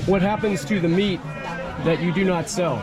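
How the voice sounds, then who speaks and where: A man's voice: high-pitched, fairly even intonation, normal speed. A man doing a casual travel interview, asking simple, direct questions and echoing answers back. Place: busy market and street. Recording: noisy outdoor market, crowd and music.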